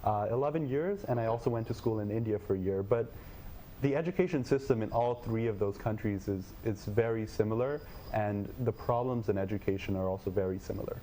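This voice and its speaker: A young man from Nepal, answering interview questions in a measured, thoughtful way with frequent fillers. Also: fairly low pitch, mellow, a little hiss or hum. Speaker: guest, education tech company head.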